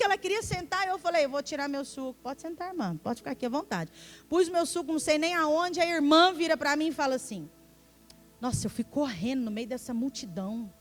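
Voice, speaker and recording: A middle-aged woman from Minas Gerais, preaching a sermon as an apostle. She tells stories in an animated way and acts out the dialogue, sometimes dropping to hushed tones. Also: sits high. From Minas Gerais, Brazil. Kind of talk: storytelling sermon. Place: church sanctuary.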